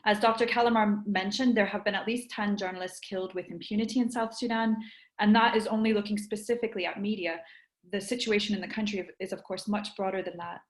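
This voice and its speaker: A woman moderating an online webinar panel, putting careful, measured questions to a guest. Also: mid-range voice, steady tone. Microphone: video call. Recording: echoey room on a video call.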